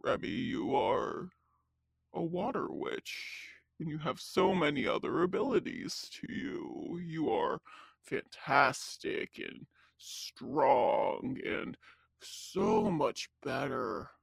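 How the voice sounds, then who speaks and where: A ghostly voice whispering from nowhere, hushed and insinuating, as a woman game master puts it on. It sounds gravelly and breathy, with the pitch swinging widely. The sound is close and dry. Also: sing-song, slow, no echo, heavily acted. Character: whispering disembodied tempting voice.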